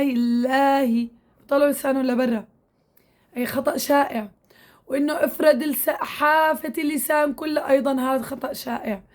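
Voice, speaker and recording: A woman teaching Quran recitation to women, patiently drilling sounds and repeating syllables slowly. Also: sits high. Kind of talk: tajweed lesson to women learners.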